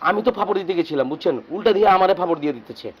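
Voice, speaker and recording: A man playing a fast-talking fawning sidekick. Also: high-pitched, dull audio, lightly acted. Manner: rapid, eager, deferential. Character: fawning young male sidekick.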